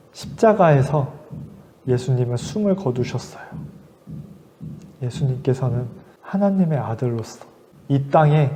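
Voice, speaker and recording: A man's voice: a little high, dark tone, in a large hall. A man preaching in a children's service, telling a Bible story vividly. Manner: vivid storytelling, shifting into character voices.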